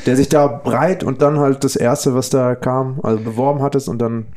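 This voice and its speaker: A man's voice: mid-range voice, steady tone, moderate pace, a little mellow. A man co-hosting a podcast, asking chatty, teasing questions in a casual interview. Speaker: podcast co-host.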